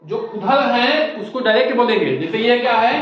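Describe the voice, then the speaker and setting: A male primary school teacher explains step by step and keeps asking his class questions. His voice sits very high for a man. The sound is dull and muffled, and a strong echo fills the classroom. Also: lively intonation, a little fast. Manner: patient, repetitive, asks rhetorical questions. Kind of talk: classroom lesson. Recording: echoey muffled classroom recording.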